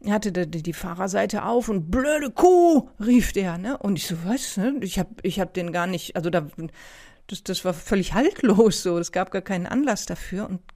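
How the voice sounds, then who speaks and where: A woman therapist speaking gently, with many pauses and restarts, asking the listener reflective questions. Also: mid-range voice. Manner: addresses listener directly with questions. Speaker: somatic experiencing therapist. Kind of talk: reflective coaching talk.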